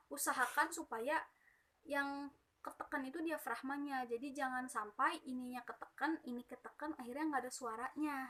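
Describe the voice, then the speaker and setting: A woman's voice: sits high, fairly bright tone. A young woman giving casual, chatty tips on singing technique, with plenty of fillers. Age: young adult. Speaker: student presenter.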